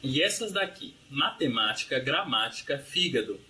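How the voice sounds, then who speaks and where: Bright-voiced man teaching grammar. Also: mid-range voice, lively intonation, normal speed. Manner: explanatory, frequent tag questions like "né?" and "ok?"; lists rules and word examples. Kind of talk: recorded grammar review lesson.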